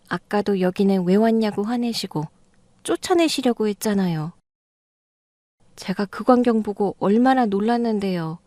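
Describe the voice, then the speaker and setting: A woman's voice: mid-range voice, mellow, dry recording, close to an everyday voice. A woman voicing a younger daughter-in-law in an audio drama, pressing and reproachful. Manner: insistent, reproachful. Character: younger second daughter-in-law, blunt and accusing.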